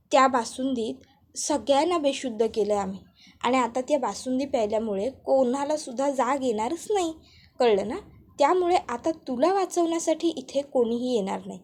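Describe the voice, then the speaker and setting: Mocking villain lady, high voice, threatening, woman doing the voice. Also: normal speed, darkish tone. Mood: taunting. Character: scheming spiteful woman villain, taunting.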